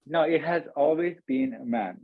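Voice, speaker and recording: A man from Turkey, a guest speaking softly and haltingly, with small grammar slips. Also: a little high, no echo. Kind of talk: casual interview talk. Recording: tinny phone-like line, dry.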